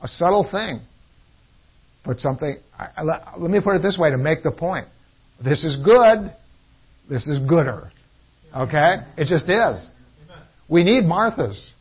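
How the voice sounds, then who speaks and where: A man delivers a sermon in an earnest, teaching way, often doubling back on his words. His voice sits a little high and has a husky edge. The recording sounds dull and lo-fi. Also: expressive, normal speed. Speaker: preacher.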